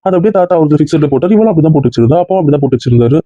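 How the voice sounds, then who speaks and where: A man plays a defiant young groom who is quick to anger. He talks very fast in a dark voice, and the recording sounds dry and muffled. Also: on the high side, expressive, no room sound. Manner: defiant, argumentative.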